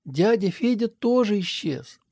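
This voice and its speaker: A woman narrating a story and voicing its characters in an expressive reading. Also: mid-range voice, unhurried, gravelly, no room sound, studio quality. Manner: expressive reading with acted voices.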